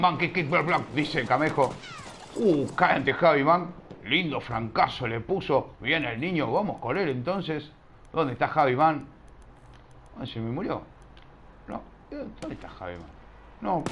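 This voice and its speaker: Casual: argentine guy streaming, casting a shooter match, chatty and teasing, middle-pitched voice with faint gunfire behind. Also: a bit bright, a little hiss or hum. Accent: Rioplatense Spanish. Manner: chatty, teasing, scolds chat playfully. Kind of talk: live game commentary.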